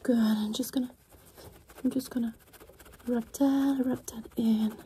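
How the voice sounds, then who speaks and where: Fast-soft-spoken young woman, ASMR role-play. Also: on the high side, fairly even intonation, background noise. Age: young adult. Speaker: ASMR performer playing a scalp examiner. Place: small home studio with foam panels.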